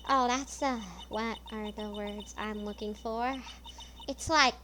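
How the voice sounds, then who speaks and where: With video game music and a noisy background, a woman speaks slowly in a steady tone on the high side. She's voicing an airy, ditzy college valley girl whose every sentence is loaded with fillers, especially "like."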